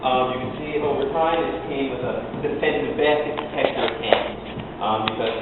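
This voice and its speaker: A man's voice: mid-range voice, normal speed. A man giving an explanatory spoken lecture as a fencing instructor, recorded from afar in a large, echoey room. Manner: explanatory, acting out short quotes. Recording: echoey hall, distant mic, tinny, noisy.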